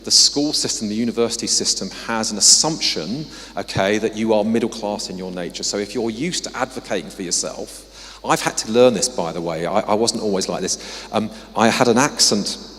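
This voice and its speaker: A man's voice: fairly low pitch, normal speed, fairly bright tone. A man with an English accent giving a conversational conference talk with slides as a guest researcher, dropping in apologetic asides. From England. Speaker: guest speaker, social mobility researcher. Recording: long reverb of a hall.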